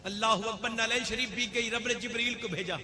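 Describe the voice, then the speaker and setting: A male preacher delivering a religious sermon to a gathering, impassioned and rising to shouts as he addresses the crowd. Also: very high voice, steady tone. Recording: live gathering with crowd noise. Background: audible crowd.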